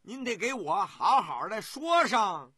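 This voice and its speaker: Guy doing a confused old-time king in a storytelling show, stammering and fussing, a bit higher, bright and husky. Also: big pitch swings, a little slow, dry recording, clean studio sound, exaggerated voice. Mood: flustered. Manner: stammering, fussy. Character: flustered, bewildered ancient king.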